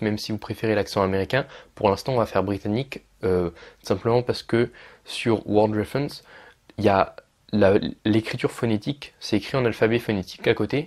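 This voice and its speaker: Young man, fairly low voice, relaxed online tutor, talks step by step with restarts. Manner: explains step by step with frequent fillers and restarts. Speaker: English teacher for French speakers. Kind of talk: casual video lesson.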